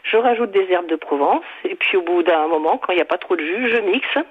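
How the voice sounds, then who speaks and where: A woman calling in to a radio show and explaining a recipe in a halting way, correcting herself as she goes. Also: fairly low pitch, lively intonation, slightly rough. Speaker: caller. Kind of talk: call-in recipe chat. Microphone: telephone. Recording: tinny phone line.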